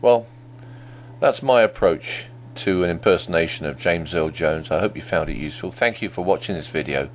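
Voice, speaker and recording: A man explaining voice impression technique in a calm, conversational tutorial. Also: deep voice, normal speed, a little hiss or hum. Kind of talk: instructional tutorial.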